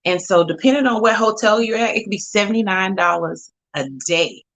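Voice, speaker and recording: A woman hosting a casual live-stream chat about her week, chatty and animated, talking straight to her viewers. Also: medium pitch, a little fast, dry recording, rough recording. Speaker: host of a faith talk show.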